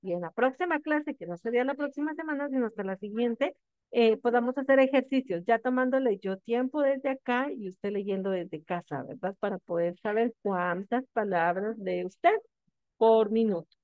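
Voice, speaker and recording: A woman's voice: fairly high pitch, moderate pace, no room sound. Patient woman teacher on a tinny line. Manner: patient explaining, frequent checking questions. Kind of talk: classroom lecture. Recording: dry, tinny phone-like sound.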